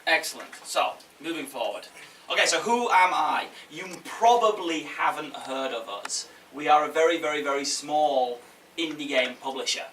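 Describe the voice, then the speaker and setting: A man gives an informal conference talk in a bright, forceful, slightly high voice. He is conversational and jokey, checking in with his listeners. The sound is roomy and distant from the microphone. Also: normal speed. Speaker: game publisher giving a talk. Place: indoor event room with audience. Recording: echoey room from afar, faint noise.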